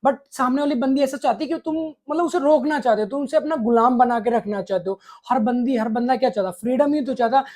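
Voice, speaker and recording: A man's voice: very high voice, quick pace, hardly any pauses, a little mellow. A man delivering a blunt, crude, scolding advice monologue straight to the viewer, peppered with swearing. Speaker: relationship advice vlogger.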